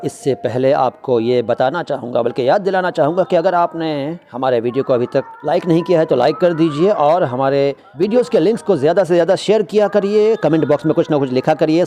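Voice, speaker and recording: A man's voice: a little high, brisk, hardly any pauses, warm tone. A middle-aged man giving a casual spoken lesson on Hindi and Urdu usage, repeating words to model how they should be said. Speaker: Hindi-Urdu language teacher.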